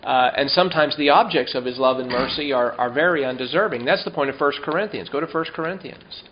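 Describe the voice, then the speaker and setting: A man preaching a sermon, reading scripture slowly and emphatically and asking the congregation rhetorical questions. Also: medium pitch, a little hiss or hum. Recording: dull lo-fi sound.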